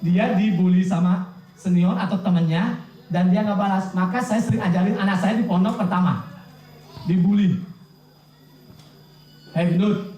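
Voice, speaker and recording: A man giving a parenting talk to parents, animated and checking in with the audience through quick questions. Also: sits high. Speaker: parenting speaker. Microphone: distant from the mic. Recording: echoey hall, distant mic.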